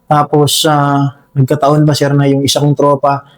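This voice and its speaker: A man, a soldier, recounting a combat encounter in an interview, talking haltingly with many fillers and addressing the listener as sir over and over. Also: a little high, monotone. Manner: halting, full of fillers, says "sir" constantly. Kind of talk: spoken war story in an interview.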